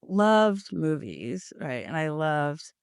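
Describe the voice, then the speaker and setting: A woman journalist guest in a casual interview, with a low, smooth voice. She talks thoughtfully and pauses on "um"s as she works out her answers. The recording is dry and close. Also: sing-song, no room sound. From California, United States. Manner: thoughtful, many fillers.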